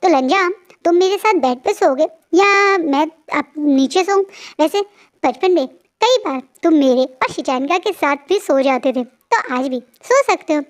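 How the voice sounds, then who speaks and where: A woman voicing a playful, teasing young man who banters and coaxes in a high voice. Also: lively intonation, measured pace. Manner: coaxing, bantering.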